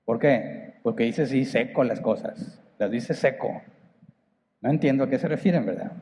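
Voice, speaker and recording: A man's voice: medium pitch, moderate pace, mellow, big-room sound. A man with a northern Mexican accent preaching a sermon as pastor, conversational, asking the congregation rhetorical questions. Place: church hall.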